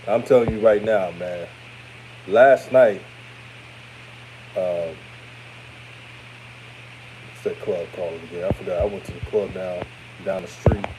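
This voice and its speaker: With a measured pace and frequent pauses, a deep-voiced man in his 30s, sounding older than he is, streams casual sports talk from his room after a game. The Houston, Texas native reads chat comments and shares hot takes in a relaxed, chatty way, repeating himself and trailing off, while a noisy hum runs underneath.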